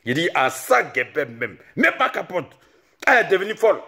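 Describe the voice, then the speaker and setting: Comic man, shouty repetitive rant, high gravelly bright voice. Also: very animated, fairly quick. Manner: ranting, repetitive, often shouting. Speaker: comic vlogger.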